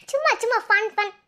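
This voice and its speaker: A woman's voice: very high-pitched, fairly bright tone. A woman with speech voicing the bantering, scolding women of a family cartoon. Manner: teasing, scolding, bantering between several women. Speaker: cartoon channel creator voicing all characters. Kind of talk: acted cartoon dialogue.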